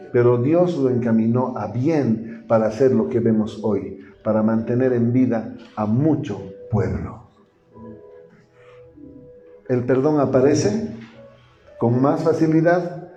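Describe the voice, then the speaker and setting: A man's voice: medium pitch, dark tone. A male pastor, preaching a sermon, asking the congregation questions and acting out voices from the story. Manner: asks the congregation questions and acts out quoted speech. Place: church hall. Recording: roomy church sound, slightly dull.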